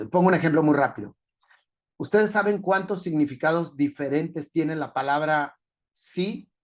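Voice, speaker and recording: A man's voice: fairly high pitch, muffled recording. A man giving a talk at a forum, putting rhetorical questions to the audience and explaining with everyday examples. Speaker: conference speaker.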